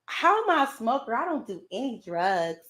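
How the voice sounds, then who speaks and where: Woman streamer with a high voice: brash, profane, confrontational, casual live chat. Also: sing-song, moderate pace, fairly bright tone. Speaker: livestream host.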